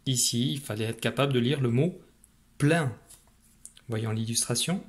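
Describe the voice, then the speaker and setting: A man's voice: mid-range voice, moderate pace, breathy edge. A man teaching a phonics lesson to a young child, patient and encouraging, speaking straight to the learner.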